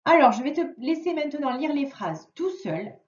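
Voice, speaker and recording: A woman teaching a child a reading and spelling lesson, speaking slowly and drawing out each word to dictate. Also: high-pitched, very animated. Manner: slow, careful, drawing out words to dictate. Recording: echoey room, distant mic, dull sound.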